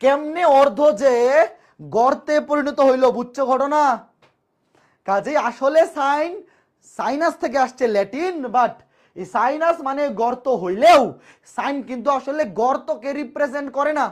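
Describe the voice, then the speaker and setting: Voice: high voice, normal speed. A teacher gives a live online maths lecture, repeating each point and asking the class rhetorical questions. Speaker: math teacher.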